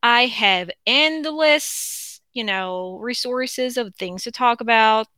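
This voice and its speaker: Speaking slowly in a slightly high, bright and forceful voice, a Korean woman with a Korean accent rambles through an unscripted monologue on her own podcast. She uses lots of fillers and restarts, and the audio is free of room sound.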